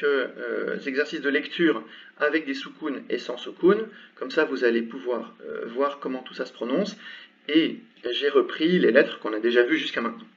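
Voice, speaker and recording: A man teaching an Arabic lesson, explaining patiently and sounding out example syllables slowly with many hesitations. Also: medium pitch. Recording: dull sound from a distance from the mic.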